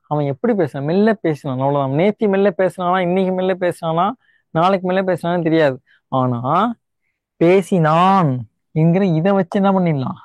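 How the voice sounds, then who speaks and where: A male Tamil grammar teacher with a high, darkish voice leads an online exam-prep lesson in a Tamil Nadu Tamil accent, recorded dry and close with no echo. He explains step by step, often checking in with "right?", and slowly repeats key words to stress them.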